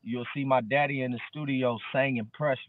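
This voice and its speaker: A man's voice: mid-range voice, fairly even intonation, fairly quick, no room sound. Man in his thirties on a tinny call. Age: early 30s. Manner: laid-back street slang, fillers like bro. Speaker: guest musician. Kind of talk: casual interview chat. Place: dark room at home. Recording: dry, tinny phone-like video call.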